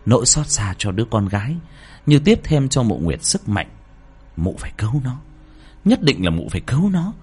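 A man's voice: mid-range voice, sing-song, moderate pace, a little mellow, slightly rough. A man reading a horror story aloud in a dramatic, swinging delivery, with faint music underneath. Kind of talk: scripted horror narration.

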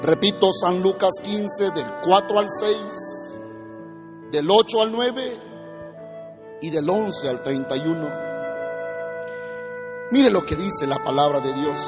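Male preacher, animated, very high voice, long hall reverb, soft guitar behind. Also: slow pace, long pauses. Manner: animated, asks the listeners questions. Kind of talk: sermon.

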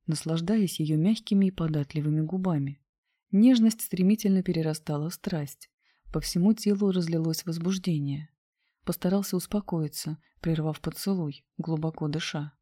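A woman narrating a romance novel aloud in a soft, intimate reading. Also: on the low side, dry recording, clean studio sound. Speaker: audiobook narrator.

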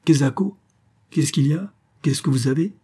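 A man voicing a gruff southern sea captain, blustering and exasperated. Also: fairly high pitch, moderate pace, mellow, voice pushed up. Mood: puzzled bluster.

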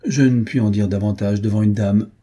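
A man's voice: lowish voice, steady tone, fairly quick, warm tone, slightly rough. A man reading the part of a weary, sly male beetle-keeper who tells a tall tale in a languid, knowing way. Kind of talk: audiobook character voice.

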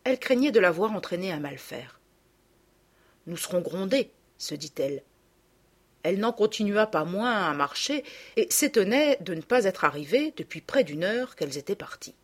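A woman narrating a classic children's story in a calm, measured reading voice. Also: medium pitch, husky.

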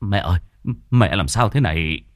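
A man playing a rough, hot-tempered grown son who barks harsh threats. His lively delivery is recorded close and dry. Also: sits low, moderate pace, dry recording, pitched below the performer's own voice. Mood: angry.

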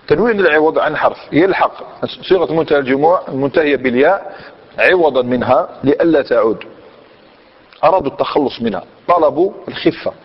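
A man's voice: a little high, slightly rough. A man teaching a grammar lesson, questioning his class and repeating their answers. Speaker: Islamic scholar teaching Arabic grammar. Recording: dull lo-fi recording in a reverberant hall.

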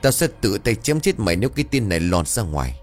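A man voicing a furious, scheming old village landlord who shouts and rages at his son. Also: lowish voice, big pitch swings, quick pace, soft background music. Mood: threatening. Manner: shouting and raging.

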